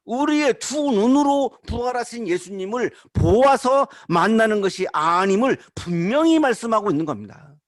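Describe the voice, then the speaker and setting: Male pastor, high lively voice, emphatic preaching with rhetorical questions, dry recording. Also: moderate pace, few pauses, no echo. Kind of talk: sermon.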